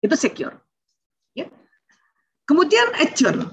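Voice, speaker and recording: A woman's voice: sits high, wildly swooping pitch, takes it slowly, no echo. A woman speaking at a parenting seminar in a chatty way, acting out the words parents should say to their children. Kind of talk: casual seminar talk. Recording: dull lo-fi recording.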